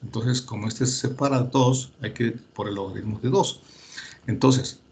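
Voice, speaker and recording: A man teaching a class, working through calculations step by step, often pausing with fillers and checking that his students follow. He tells them to verify the results themselves. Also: medium pitch, gravelly, a little mellow. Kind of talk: lecture.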